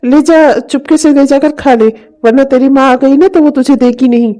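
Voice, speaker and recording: A woman voicing a gentle, soft-hearted middle-aged father in a cartoon who pleads with his wife. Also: high-pitched, moderate pace, close to an everyday voice. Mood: gentle pleading. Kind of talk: cartoon voice acting.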